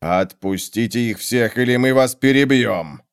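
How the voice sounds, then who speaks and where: A man's voice: mid-range voice, clean tone, close to an everyday voice. Man doing a curt, menacing foreign sergeant. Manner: slow, curt, broken speech.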